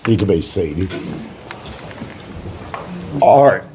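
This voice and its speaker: A man's voice: sits low, lively intonation, drawn-out words, very noisy. A man chairing a local meeting, speaking informally to the room and leading prayer.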